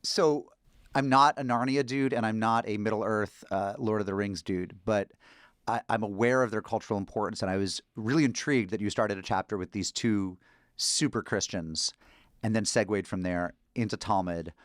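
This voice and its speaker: A man hosting an interview, talking in a relaxed, chatty way. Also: fairly low pitch, normal speed, no echo, clean studio sound. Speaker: host. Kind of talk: conversational interview.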